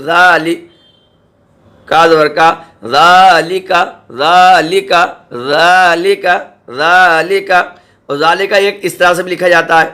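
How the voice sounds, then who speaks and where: A man gives a Quran reading lesson in a bright, clear, somewhat high voice. He spells out letters and syllables slowly, stretches the vowels, and keeps asking whether the students understand. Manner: patient, repeats syllables slowly and drawn out; checks in with "samjhe?" and "theek hai".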